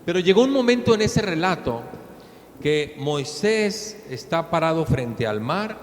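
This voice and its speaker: A man's voice: fairly high pitch, sing-song, unhurried, a little hiss or hum. Casting note: middle-aged Mexican man preaching, slightly raised voice, emphatic and storytelling, long hall echo. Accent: Mexican Spanish. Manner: preaches with rising, emphatic storytelling and acted-out quotes. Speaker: pastor. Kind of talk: sermon.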